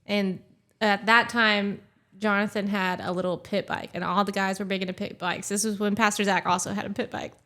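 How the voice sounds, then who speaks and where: A woman's voice: mid-range voice, level tone, fairly quick, fairly bright tone. Playful woman leading the chat. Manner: playful, teasing storyteller. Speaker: podcast co-host leading a segment. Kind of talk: casual chat.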